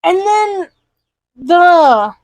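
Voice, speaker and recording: High-voiced woman telling a story with gusto. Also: drawn-out words, a little hiss or hum, rough recording. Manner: animated storyteller, acts out characters' lines. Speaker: podcast co-host. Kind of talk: casual chat.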